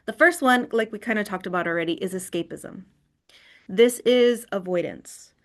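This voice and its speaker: In a screen recording of a video call, a woman leads an online wellness workshop, talking conversationally and frequently checking in with "right?". Her voice is medium-pitched at a moderate pace.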